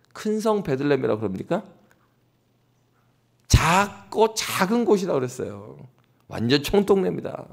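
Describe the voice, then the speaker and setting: Male pastor, pitched a little high, lively delivery, mimics scoffers mid-sermon. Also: creaky. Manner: animated preaching, acts out scoffing voices. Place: church sanctuary.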